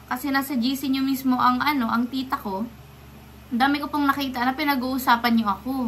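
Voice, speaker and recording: A young woman from the Philippines speaks straight to her viewers in a bright, forceful voice, pitched a little high. She stays polite but defiant, firing off pointed rhetorical questions. A faint hiss runs under her voice. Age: young adult. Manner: indignant, confrontational, many rhetorical questions. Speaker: vlogger. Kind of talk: direct-to-camera rant.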